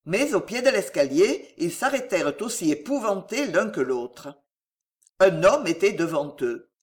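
Expressive French novel reader. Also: medium pitch, unhurried. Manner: expressive, dramatic storytelling. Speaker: audiobook reader. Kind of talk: scripted audiobook narration.

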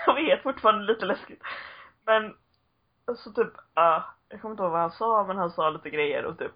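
A woman's voice: medium pitch, expressive. A woman in her twenties telling stories in a casual podcast chat, full of fillers. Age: 20s. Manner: chatty storytelling with frequent fillers and laughs. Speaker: podcast co-host. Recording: dull lo-fi old recording.

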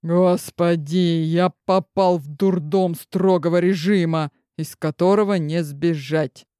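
Woman doing a gruff exasperated man. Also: on the low side, fairly even intonation, takes it slowly, dark tone, no room sound, studio quality.

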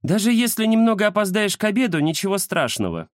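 Storybook she-cat, high, brisk and commanding, played by a male reader. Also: big pitch swings, no room sound, clean studio sound. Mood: teasing. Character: bold bossy female cat.

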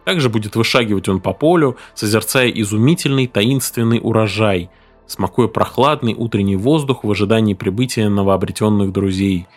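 A man narrating a story in an animated, dramatic way. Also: fairly low pitch. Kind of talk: expressive story reading.

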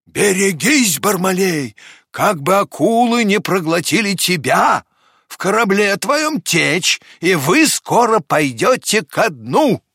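A man's voice: fairly high pitch, huge pitch swings, measured pace, gravelly, few pauses, sharp tone, husky, dry recording, studio quality, full character voice. A man voicing a brave, kind animal doctor in a fairy tale audiobook, calling out a firm warning. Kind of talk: storybook reading.

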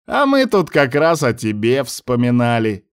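A man's voice: medium pitch, huge pitch swings, unhurried, clean tone, voice pushed up. A male reader voicing a crude, leering drunk man at a club who drawls his words.

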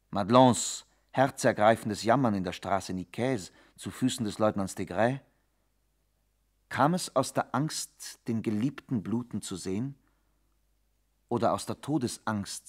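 A man narrating a literary radio drama in a formal, expressive, suspenseful style. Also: on the low side.

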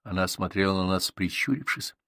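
Calm male audiobook narrator, dry sound. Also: low voice, a little fast, no echo. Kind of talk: scripted narration.

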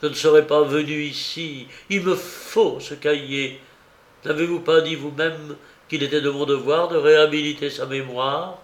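A man reading an audiobook voices a desperate young man in love with a dead woman, loud and broken as he begs. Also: fairly high pitch, fairly even intonation, moderate pace, natural voice. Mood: despairing. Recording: roomy echo.

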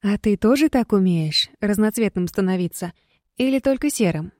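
A woman's voice: medium pitch, lively intonation, moderate pace, darkish tone, no room sound, studio quality, natural voice. A woman voicing a giddy young heroine dazed by magical exhaustion, babbling with childlike wonder.

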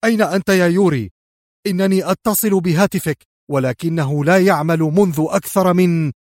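A man doing a jittery, shouting general. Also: high voice, a little fast, no room sound, clean studio sound, voice pushed up, lightly acted. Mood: agitated. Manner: agitated, shouting. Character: nervous male intelligence general.

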